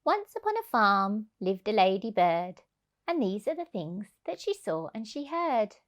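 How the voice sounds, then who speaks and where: A woman's voice: mid-range voice, sing-song, unhurried. A woman in her thirties, a childminder, reading a rhyming children's storybook aloud in a sing-song way. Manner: sing-song rhyming delivery with rising animal words. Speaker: childminder reading a picture book.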